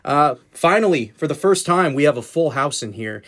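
A man hosting a podcast introduction, with a warm, upbeat announcer delivery and informal wording. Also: fairly high pitch, animated, normal speed. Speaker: podcast host.

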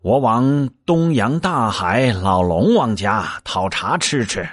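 A man voicing a brash, quick-tempered male monkey disciple in a storybook reading, breaking into shrill yelps when pained. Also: sing-song, no echo, clean studio sound.

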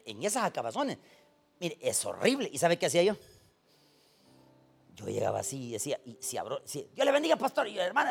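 Animated man preaching. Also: on the high side, gravelly, husky. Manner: animated storytelling, acting out quoted voices, swings from soft to loud. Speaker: pastor. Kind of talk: sermon.

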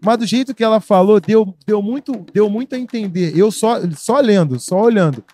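A man's voice: sits high, animated, moderate pace, warm tone. A man co-hosting a casual chat, speaking hesitantly and hedging, with many restarts.

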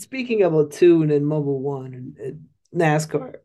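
A man's voice: on the high side, big pitch swings, a little slow, dark tone. A man co-hosting a casual podcast chat, hesitant with many restarts, steering the topic. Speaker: podcast co-host.

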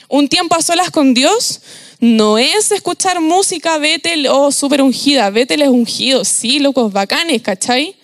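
A young Chilean woman preaches to youth in a relaxed, slangy style, animated and quick to laugh. Her voice sits high, and the recording is dry and close, with little room sound.

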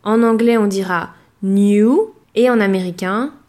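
Lady explaining a language lesson, clear and steady, slows down on example words, medium-pitched voice. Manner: clear and measured, slowing down to model words. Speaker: language teacher.

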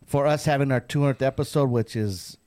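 A man's voice: medium pitch, brisk, darkish tone. Frat-bro man chatting as podcast co-host. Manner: slangy frat-bro talk, says "bro" and "man" often. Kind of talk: casual chat.

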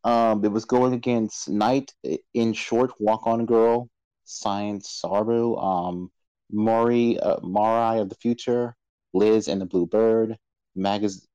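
A man moderates a loose chat, rambling and stumbling over his words as he goes. His voice sits low and mellow, and it comes through dry and a little dull. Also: steady tone, slow pace, clean tone, dry recording. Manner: rambling, stammering restarts, laughs often. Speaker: podcast moderator. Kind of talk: casual chat about anime awards.

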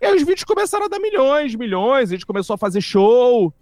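A man telling stories in casual podcast chat, animated and foul-mouthed, acting out what people said. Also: very high voice, quick pace, no echo, soft background music. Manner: animated storyteller, swears freely, acts out quotes. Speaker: guest comedian.

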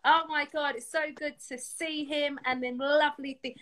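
A woman's voice: sits high, fairly even intonation, normal speed, fairly bright tone. A woman with a south London accent hosting a casual live music chat in an effusive, encouraging way. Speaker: online music show host.

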